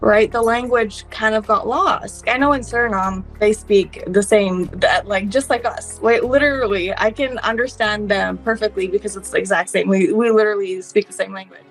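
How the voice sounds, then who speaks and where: Creaky-voiced woman, native Fiji Hindi speaker. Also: medium pitch, moderate pace, few pauses, faint music behind, rough recording. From Fiji or Fijian diaspora family. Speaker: interviewee. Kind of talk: personal storytelling, casual talk.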